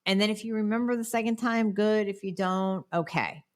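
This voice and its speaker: Here a woman doctor answers listener questions alone on her podcast, blunt and emphatic with sarcastic remarks thrown in. She speaks at medium pitch and a moderate pace, and she sounds nasal while recovering from a cold.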